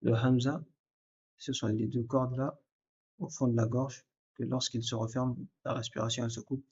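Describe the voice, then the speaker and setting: A man's voice: medium pitch, level tone, moderate pace, a little mellow, breathy edge. A man teaching a recorded lesson, explaining step by step and addressing the listener directly, repeating sounds aloud to demonstrate them. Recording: dull lo-fi recording.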